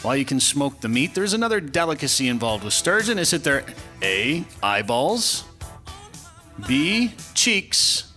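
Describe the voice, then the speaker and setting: A man's voice: fairly high pitch, sing-song, unhurried, bright, forceful tone, faint music behind. A man hosting a radio show and running a quiz in a casual, upbeat way, laughing and slipping into a game show voice. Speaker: radio show host and quizmaster.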